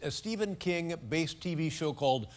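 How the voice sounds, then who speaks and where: A man in his sixties, a late-night host delivering a comedy monologue with wry, loud punchlines on a live stage. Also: a little high, expressive, moderate pace. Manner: wry joke-telling, loud bursts on punchlines. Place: theater stage before studio audience. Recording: live stage with crowd noise.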